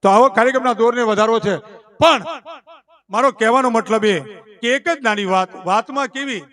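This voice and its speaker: A man tells folk jokes live to a village audience under a canopy, speaking into a handheld stage microphone. His voice sits very high and rings bright and forceful. He slows right down on each punchline and acts out the villagers he quotes. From Gujarat, India. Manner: drawn-out emphatic punchlines, acting out quoted villagers. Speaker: folk storyteller and emcee. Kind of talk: live folk storytelling at a devotional gathering.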